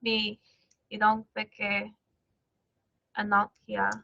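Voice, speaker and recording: A woman's voice: medium pitch, completely flat delivery, gravelly, pushed and bright, dull audio. Woman on a call that keeps dropping out. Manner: repeats short phrases slowly and carefully. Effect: voice breaking up from a faulty mic, like a call dropping out. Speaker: student. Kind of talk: pronunciation practice in an online class. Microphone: video call.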